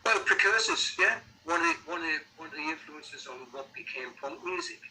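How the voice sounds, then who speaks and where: A middle-aged or older man with a Sunderland accent, chatting casually as an interviewed musician, halting and repeating words as he thinks. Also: fairly high pitch, animated, sharp tone, slight background noise, poor audio. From Sunderland, North East England.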